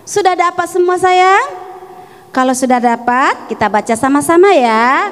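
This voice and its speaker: Sunday school preacher, woman, high lively voice, echoey church hall. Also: unhurried. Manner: animated, asks children questions. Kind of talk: children's sermon.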